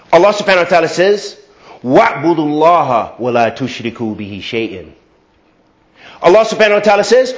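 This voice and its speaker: A man with an American accent delivering a mosque sermon, switching from fast chanted Arabic openings to slow, measured English. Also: sits high, muffled recording. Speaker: imam giving a Friday sermon. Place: mosque prayer hall.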